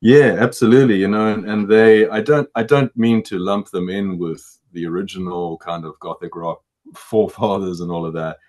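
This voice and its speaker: Speaking in a slightly mellow baritone, a middle-aged musician fields interview questions. His delivery is casual and halting, with words often repeated while he gathers his thoughts.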